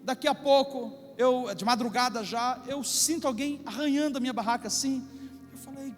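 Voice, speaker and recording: A Brazilian pastor preaches from the pulpit, his voice pitched unusually high. He tells the story in an animated way, acting out each scene. The recording carries a long church-hall reverb with faint music in the background. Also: moderate pace. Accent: Brazilian Portuguese. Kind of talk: sermon. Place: church sanctuary.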